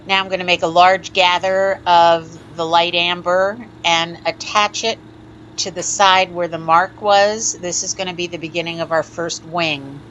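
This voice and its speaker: A woman teaching a step-by-step glass sculpting lesson, explaining each move in a calm, methodical way. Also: lowish voice, unhurried, lo-fi sound, a little hiss or hum. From United States. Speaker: glass artist teaching a lampworking demo. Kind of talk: step-by-step tutorial narration.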